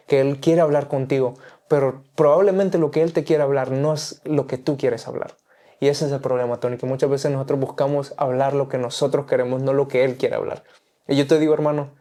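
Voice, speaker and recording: Mellow-voiced man preaching earnestly. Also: medium pitch. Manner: earnest, exhorting, repetitive phrasing. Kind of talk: preaching in conversation.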